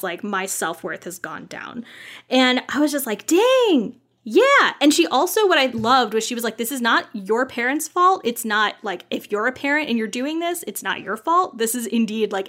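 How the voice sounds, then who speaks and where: A young woman co-hosting a casual podcast, talking through a book she loved in an animated way, full of "like" and acted-out quotes. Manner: animated, lots of "like", acts out quotes with high lively pitch. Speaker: podcast co-host. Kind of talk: casual book-recommendation chat.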